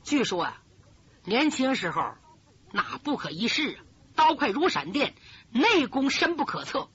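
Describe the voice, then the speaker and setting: Lady storyteller telling a kung fu tale, bright sharp voice, muffled old tape. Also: sits high, unhurried, husky. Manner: animated, dramatic, voices every character. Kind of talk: traditional storytelling.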